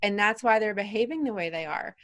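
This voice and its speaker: A woman's voice: medium pitch, lively intonation, brisk, fairly bright tone. A woman in her forties hosting a podcast, talking in an earnest, coaching way and probing her guest with questions. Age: 40s. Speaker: podcast host. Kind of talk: casual interview.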